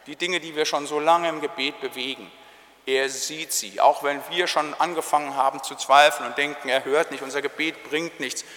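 A man's voice: fairly high pitch, fairly even intonation, fairly bright tone. Solemn preacher man in a reverberant church. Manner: solemn, slows down on key phrases. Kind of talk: sermon.

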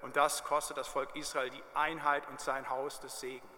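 A man's voice: mid-range voice, little pitch movement, normal speed, bright, forceful tone. A male pastor preaching a sermon emphatically, repeating key words and putting direct questions to the congregation. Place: church. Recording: long church reverb.

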